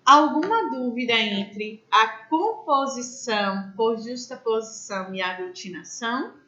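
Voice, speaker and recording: High, lively Brazilian-class teacher woman. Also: a little slow, reverberant, dull audio. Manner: explains step by step, asks students questions. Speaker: grammar teacher. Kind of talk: online class lecture.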